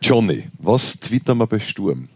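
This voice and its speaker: An Austrian man hosts a sports podcast in a joking, chatty way, full of quick asides. His voice sits low with a husky edge. The sound is close and dry. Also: very animated, darkish tone, dry recording. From Styria, Austria. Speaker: podcast host. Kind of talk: casual sports podcast chat.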